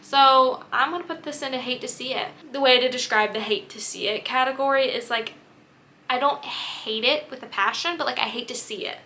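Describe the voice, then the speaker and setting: A woman's voice: sits high, fairly quick, pushed and bright, slight background noise. A young woman chatting candidly about books she has read, with plenty of fillers. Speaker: book vlogger. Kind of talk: casual chat.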